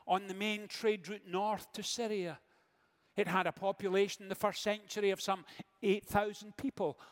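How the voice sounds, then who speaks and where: A man preaching a sermon as pastor, measured, with dramatic pauses and rhetorical questions. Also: high voice. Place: church sanctuary. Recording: long church reverb.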